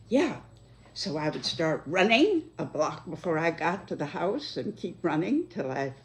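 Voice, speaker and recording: A very old American woman in her nineties speaks in a low register with a slow, careful pace. She pauses often as she reflects aloud, choosing her words deliberately in a measured, halting elderly delivery. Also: darkish tone. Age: 90s, very old. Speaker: speaker giving personal reflections. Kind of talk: reflective monologue.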